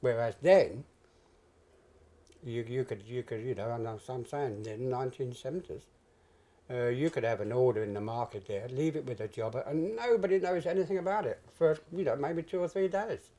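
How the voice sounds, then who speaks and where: An older British man, a retired stock jobber, reminisces in an oral history interview. His medium-pitched voice is warm and moves at a normal speed, and he talks conversationally and hesitantly, repeating phrases for emphasis.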